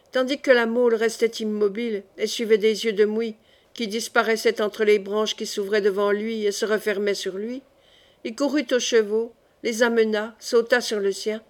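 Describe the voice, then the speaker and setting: A woman reading a classic historical novel aloud in a clear, measured audiobook narration. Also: fairly high pitch.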